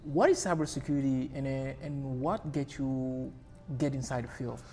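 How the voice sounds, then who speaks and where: Podcast host dude, mid-pitch, lots of yeah and all right, faint music behind. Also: male voice, moderate pace, mellow. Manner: frequent affirmations, loose phrasing. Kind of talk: casual interview hosting.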